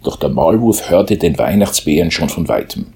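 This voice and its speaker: A man reading a children's Christmas story aloud in a calm, unhurried way. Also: very deep voice, husky.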